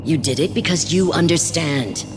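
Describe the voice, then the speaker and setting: A woman's voice: low-pitched, natural voice. A woman playing a cold, smug corporate villainess in a video game, condescending and theatrical. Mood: persuasive. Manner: condescending, theatrical, drawn-out delivery. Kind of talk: dramatic video game acting. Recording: long hall reverb, music behind.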